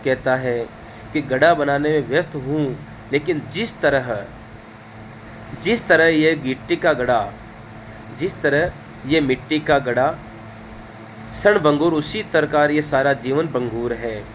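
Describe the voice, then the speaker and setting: A man's voice: on the high side, slow pace, long pauses, a little hiss or hum. A man teaching a lesson, reading each phrase and then explaining it line by line. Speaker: Sanskrit teacher.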